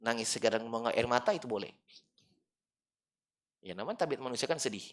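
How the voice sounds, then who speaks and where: Animated male Islamic teacher with a lilt. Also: fast. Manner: animated, swings from low asides to loud emphatic bursts; checks with listeners by asking "clear?". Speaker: religious teacher. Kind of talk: Islamic study lecture. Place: prayer room in an office building.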